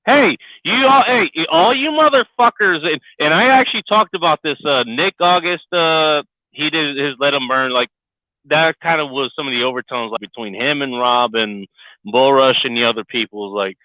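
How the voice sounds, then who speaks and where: This is a casual, foul-mouthed podcast rant from a middle-aged man who is sarcastic, swears all the time, and gets heated and loud. His voice sits on the high side at normal speed, without echo. Through his headset he sounds like a tinny CB radio on a dry lo-fi line.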